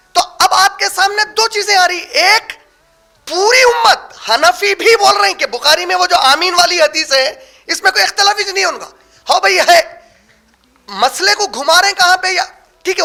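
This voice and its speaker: The speaker is an Islamic preacher whose voice is extremely high, gravelly, pushed and bright. Lecturing on prayer rulings, he breaks down terms step by step, answers his own rhetorical questions, and slows down on key words for emphasis.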